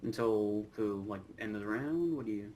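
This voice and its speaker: Male game master, medium pitch. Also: moderate pace, mellow, slight background noise. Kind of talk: narrating and refereeing a tabletop game.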